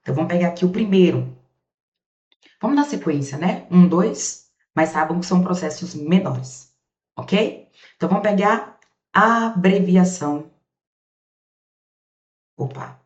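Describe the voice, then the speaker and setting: A woman's voice: on the low side, expressive. Chatty Brazilian woman teaching grammar, roomy. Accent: Brazilian Portuguese. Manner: chatty, calls students "gente" and "amores", asks questions for them and answers them; spells out sounds slowly while writing. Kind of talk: recorded classroom lesson. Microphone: camera set up in front of her. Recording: roomy, slightly dull sound.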